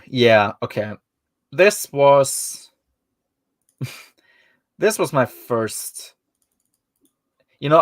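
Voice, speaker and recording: A man's voice: medium pitch, a bit bright, dry recording. Podcast host, male, German accent, wry and rambling, dry close sound. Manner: rambling and wry, with many fillers. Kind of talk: casual book discussion.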